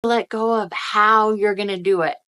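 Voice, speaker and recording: Casting: woman, medium pitch, motivational vlogger, emphatic and encouraging, mouth numb from dental work, words coming out of the corner of the mouth. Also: steady tone, normal speed, sharp tone. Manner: talking out of the side of the mouth. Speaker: spiritual energy-reading video host. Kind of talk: casual motivational talk to viewers.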